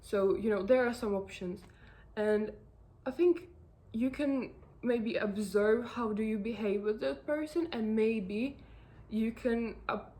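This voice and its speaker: A woman's voice: fairly high pitch, slow, mellow. A woman giving casual self-help advice to camera, earnest and encouraging, rambling with many fillers and restarts.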